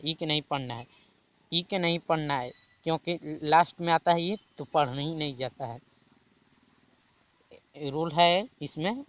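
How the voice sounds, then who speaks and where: Slow, bright-voiced Bihari teacher. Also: male voice, on the high side, dry recording, muffled recording. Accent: Bihari Hindi. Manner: slow, repeats rules and checks understanding. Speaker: English teacher. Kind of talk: spoken English lesson.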